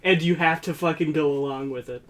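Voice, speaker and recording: Laid-back, slightly high-voiced man. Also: a little fast, a bit bright. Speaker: podcast co-host and editor. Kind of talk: casual comedy podcast chat.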